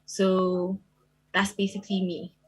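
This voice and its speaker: Woman with a husky voice, visual artist, halting panel answer. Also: medium pitch, completely flat delivery, rough recording. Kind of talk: panel talk.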